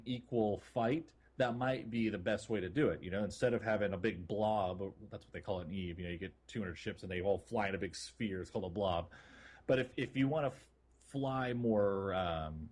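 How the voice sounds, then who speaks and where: On a gaming podcast he co-hosts, a man talks informally and conversationally. His voice is lowish, dark-toned and husky.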